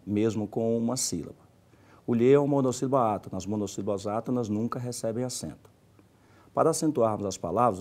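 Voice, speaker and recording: Guy teaching grammar, lowish voice, slow and careful on the examples. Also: dark tone, husky. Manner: didactic, stresses each example word. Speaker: Portuguese language teacher. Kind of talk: scripted classroom lesson.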